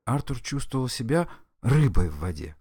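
A man narrating an audiobook with expressive, animated storytelling. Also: mid-range voice, moderate pace, husky, dry recording, clean studio sound. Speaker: audiobook reader. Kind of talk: scripted narration.

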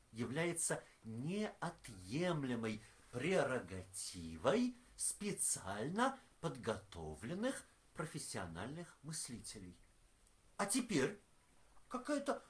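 A woman's voice: low voice, exaggerated voice. A woman voicing a pompous male philosopher, speaking for a union of thinkers with declamatory indignation. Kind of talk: audio drama acting.

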